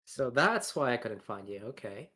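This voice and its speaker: A man's voice: mid-range voice, very animated, normal speed, sharp tone. Curious man asking questions at the table. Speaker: player. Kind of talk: casual chat.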